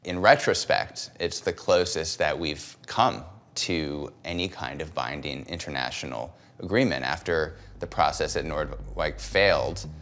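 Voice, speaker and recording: A man's voice: extremely low pitch, unhurried, few pauses, a bit bright, a little hiss or hum. A young man, a journalist giving a thoughtful interview, with restarts, in a room with bookshelves.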